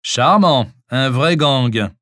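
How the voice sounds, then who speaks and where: Male reader voicing a teasing doctor, wry and relaxed, dry read. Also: mid-range voice, drawn-out words, no room sound, full character voice.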